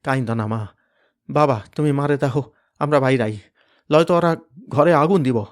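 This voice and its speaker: A man's voice: medium pitch, normal speed, natural voice. A man voicing a young man who firmly and urgently reassures his parents.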